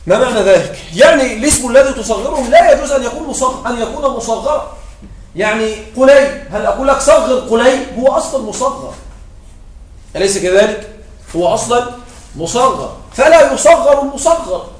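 A man teaches grammar to a class in a high, clear-pitched voice, often repeating himself and asking quick check-in questions. He is recorded from a distance, so the room's echo carries around his words. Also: animated, a little hiss or hum. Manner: repeats points and checks understanding with short questions. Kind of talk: classroom lecture. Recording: echoey room, mic far off.

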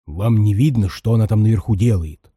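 A man's voice: brisk, mellow, husky, no room sound, studio quality. A man doing a stout, suspicious woman passenger. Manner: low, grumbling and suspicious.

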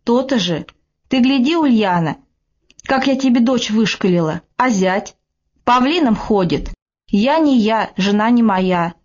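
A woman's voice: a little high, expressive, measured pace, a little mellow, dull audio. A woman reading the part of a boastful, bossy older mother-in-law.

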